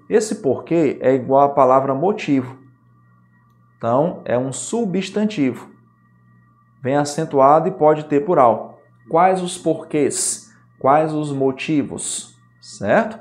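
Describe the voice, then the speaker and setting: A man's voice: on the high side, darkish tone. A middle-aged man with a Brazilian Portuguese accent explains grammar rules for an exam, checking in with his students often. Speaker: Portuguese teacher. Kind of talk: exam-prep grammar lesson.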